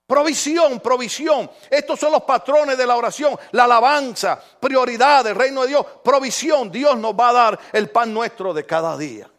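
A man preaching a sermon in church as pastor, animated, firing questions at the congregation and acting out the voices he quotes. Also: extremely high pitch, moderate pace, few pauses.

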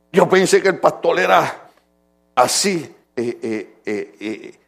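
A man preaching a sermon as pastor, with humor, his voice swinging from loud outbursts to quiet asides. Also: on the high side, animated, slow, gravelly.

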